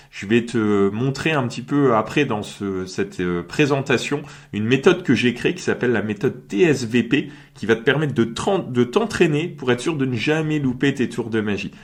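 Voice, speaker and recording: A man talking casually through a screen-share software tutorial, chatty and full of fillers and quick check-ins with the viewer. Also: medium pitch. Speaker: magician and course creator.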